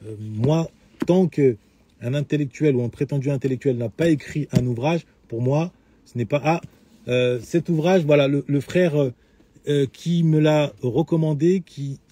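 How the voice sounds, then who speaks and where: A faint hiss or hum sits under this middle-aged man's warm, somewhat high voice as he talks at a normal pace. Hosting a live talk, he answers questions in a rambling lecture style, hesitating and restarting frequently.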